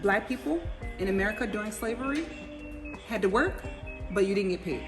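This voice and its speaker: A woman chatting casually as an interviewer in a restaurant. She is animated, laughs often and turns to talk to her viewers. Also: mid-range voice, brisk. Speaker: interviewer, vlogger. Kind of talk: casual chat. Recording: clear background music.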